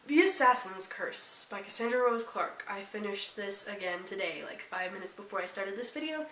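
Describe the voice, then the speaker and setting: A woman's voice: medium pitch, lively intonation, normal speed, fairly bright tone. Teen girl book vlogger, rambling and casual, echoey room. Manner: chatty, rambling, self-deprecating asides. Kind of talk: casual monthly reading wrap-up. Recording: roomy, slightly distant, faint hiss.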